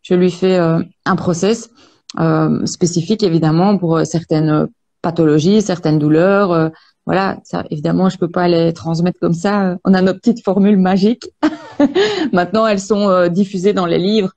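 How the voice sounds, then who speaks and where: A woman with a mellow, soft-edged voice speaks calmly and at a measured pace, often pausing on hesitations. She explains energy healing sessions as a guest in an interview. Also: on the low side. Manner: calm, measured, many hesitations. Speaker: Access Bars practitioner, guest.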